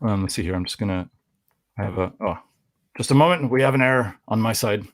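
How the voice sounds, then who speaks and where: A man's voice: lowish voice, fairly quick, no room sound. A Canadian man in his forties hosting a live stream, chatting casually and rambling, often cutting himself off with jokes. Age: 40s. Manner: rambling, self-interrupting, jokey.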